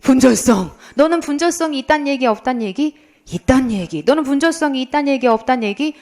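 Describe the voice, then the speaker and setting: A brisk, high-pitched middle-aged woman leads an exam prep lecture as a Korean language teacher. Asking her students questions only to answer them herself, she stays playful, mimicking sounds and recounting humorous anecdotes.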